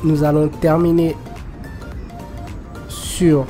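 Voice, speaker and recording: A man narrates a city walking tour, filming on his phone as he walks beside a busy road. He speaks slowly, pausing often with fillers. Clear background music sits under the voice, along with passing traffic. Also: a little high, level tone, warm tone. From Côte d'Ivoire. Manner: slow, hesitant, many fillers.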